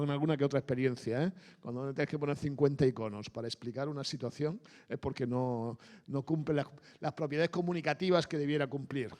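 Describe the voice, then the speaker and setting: A middle-aged man giving a conversational sermon, often checking in with the audience. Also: on the high side. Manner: animated, asks the audience frequent questions. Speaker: preacher. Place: church hall.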